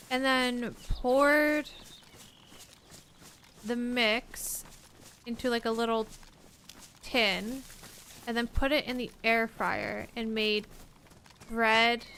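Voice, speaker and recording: A woman's voice: a little high, pushed and bright, slight background noise. A woman livestreaming a game, chatting casually and talking to viewers and teammates by name. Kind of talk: casual gameplay chat while reading chat.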